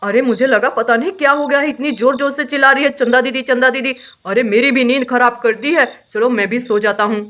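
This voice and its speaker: A woman's voice: a little high, brisk, few pauses, a bit bright, voice pushed down, close to an everyday voice. A woman voicing a sleepy husband in a doll story, grumbling and dismissive, a little off-mic. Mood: drowsy. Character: drowsy husband woken at night, man.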